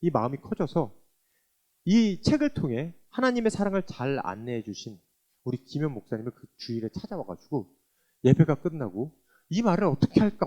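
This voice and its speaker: Highly animated man giving church testimony. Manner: animated, acts out remembered exchanges.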